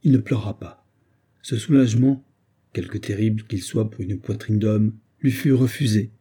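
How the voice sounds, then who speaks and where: A man narrating a classic novel as an audiobook, in a measured, steady reading. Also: fairly low pitch, slightly rough.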